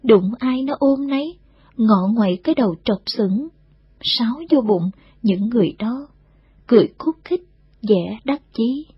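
Breathy woman narrating a story. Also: fairly high pitch, no room sound. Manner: steady, unhurried storytelling, voices every character. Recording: dull, dry lo-fi recording.

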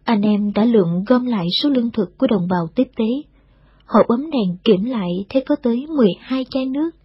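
A woman reading a story aloud in a steady, unhurried storytelling manner. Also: fairly high pitch, slightly rough, no room sound. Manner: steady, unhurried storytelling, voices every character. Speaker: narrator. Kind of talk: scripted story narration. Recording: dull, dry lo-fi recording.

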